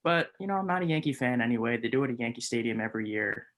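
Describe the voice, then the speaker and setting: A man in his early twenties chatting as a guest, with dry, wry remarks and a measured delivery. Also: medium pitch, lively intonation, a bit bright. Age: 20s. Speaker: podcast guest. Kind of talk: casual chat.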